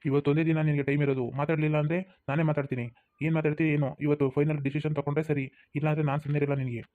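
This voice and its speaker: A man's voice: on the high side, little pitch movement, racing, close to an everyday voice. A man voicing a young male college student who insistently demands an answer. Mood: demanding. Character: young male college lover, pushy and impatient. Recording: tinny phone-like sound.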